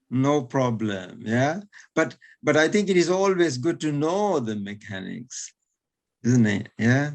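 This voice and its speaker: A man's voice: medium pitch, very animated, slow pace, creaky, a little mellow. A male teacher explaining in an online lesson, hesitant, repeating words with many fillers and chuckling between points.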